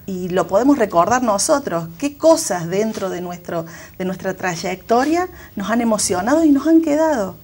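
Argentine woman, school director type; measured, reflective, restarts often. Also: medium pitch, expressive, a little mellow. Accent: Argentine Spanish. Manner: thoughtful, many fillers and restarts. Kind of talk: reflective interview answers.

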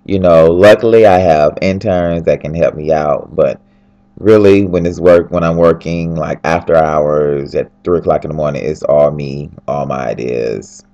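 A man's voice: rumbling low, moderate pace, warm tone, lo-fi sound. A tired man who has just woken up, chatting in a rambling, upbeat way as he records a casual video diary from his bed on a handheld flip camera. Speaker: fashion designer. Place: lying in bed at home.

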